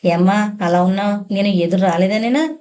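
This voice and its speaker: A woman's voice: medium pitch, normal speed, dark tone, close to an everyday voice. A woman reading an audiobook, voicing a doting young mother who coaxes her son and bristles at her husband. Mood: pleading. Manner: coaxing and pleading, then sharply defensive. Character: doting young mother, indulgent and fiercely protective.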